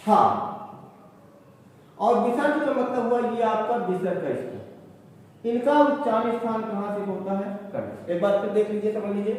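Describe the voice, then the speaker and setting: A man's voice: very high voice, darkish tone. A man teaching an exam-prep grammar lesson, who asks the class questions, answers them himself and keeps repeating mnemonics. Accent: Hindi, North Indian. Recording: echoey hall recorded from far off.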